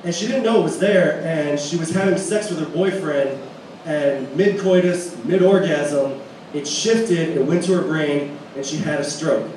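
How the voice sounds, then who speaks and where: A man's voice: a little high, measured pace, a little mellow, a little hiss or hum. A young man doing a stand-up set in a comedy club, telling crude stories loosely with acted-out asides. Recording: echoey club from a far mic, audience laughter.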